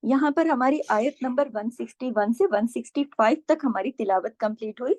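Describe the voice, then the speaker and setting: High-voiced woman teaching recitation rules. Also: darkish tone, no room sound. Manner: quick explanatory teaching, models words aloud.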